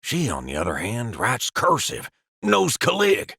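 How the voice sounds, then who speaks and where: A gravelly, bright-voiced mentor pen from a cartoon. He swoops widely in pitch as he coaxes and teases, calling everyone lad. The sound is close and dry. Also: wildly swooping pitch, unhurried, dry recording, exaggerated voice. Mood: coaxing. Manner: jokey, calls others lad and laddie. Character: older male pen, calm, teasing office mentor. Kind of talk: animated cartoon voice acting.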